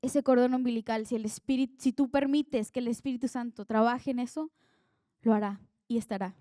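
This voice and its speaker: A young woman preaches an earnest sermon in a conversational way, telling stories from her own life. Her voice sits fairly high and sounds mellow and smooth. The sound is dry and close, with little room echo. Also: fairly even intonation, fairly quick.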